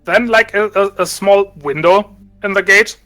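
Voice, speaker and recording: A man narrating a tabletop role-play session as game master, halting with many restarts and fillers. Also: high-pitched, pushed and bright, faint music behind.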